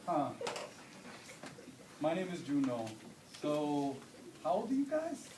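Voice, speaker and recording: A man's voice: a little high, big pitch swings, slow. A man in his forties from the Dominican Republic, a guest speaker talking casually to a group of students, often checking in with "yeah?". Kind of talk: informal talk to students. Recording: echoey room from far off, noisy.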